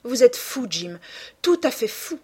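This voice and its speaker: A woman voicing Sibyl, a joyful, dreamy young actress in love, speaking brightly and with exclamations. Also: fairly high pitch, animated, normal speed, slightly rough, voice pushed up. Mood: chiding.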